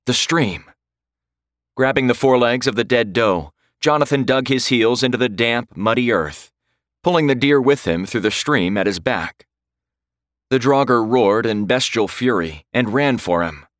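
A man reading a horror story aloud in slow, dramatic scripted narration. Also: mid-range voice, fairly bright tone, no room sound, studio quality.

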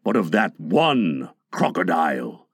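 A man voicing a menacing, brooding pirate captain in a storybook reading, slow, dark and dramatic. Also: deep voice, big pitch swings, husky, dry recording, studio quality, pitched below the performer's own voice, full character voice. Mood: proud, grim.

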